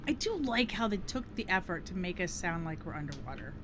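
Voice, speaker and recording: A woman's voice: lowish voice, very animated, brisk, noisy background. A woman giving casual live commentary as she plays through a game. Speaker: game streamer.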